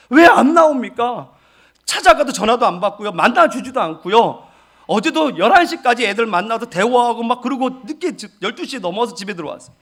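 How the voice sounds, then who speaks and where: A man's voice: very high voice, fairly bright tone. A male pastor preaching a sermon as an emotional storyteller, often putting questions to his listeners. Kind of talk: sermon with personal testimony.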